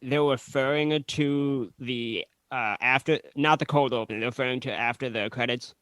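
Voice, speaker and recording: A man's voice: mid-range voice, normal speed, a bit bright, dry recording. A young man co-hosting a casual podcast chat, teasing the others and joking around. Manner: teasing, jokey. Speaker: podcast co-host. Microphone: headset.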